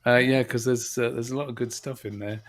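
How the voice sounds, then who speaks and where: A man's voice: mid-range voice, fairly even intonation, brisk. Man, co-host, casual live Q&A, chatty storyteller, headset mic, video call. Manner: chatty storyteller, reads out viewer comments. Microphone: earphone headset on a video call.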